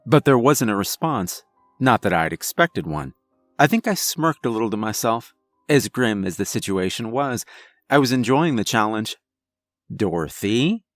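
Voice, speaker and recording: A man reading a scary story aloud in a measured, dramatic way. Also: mid-range voice, lively intonation, dry recording, clean studio sound, soft background music. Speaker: narrator. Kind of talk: scripted horror narration.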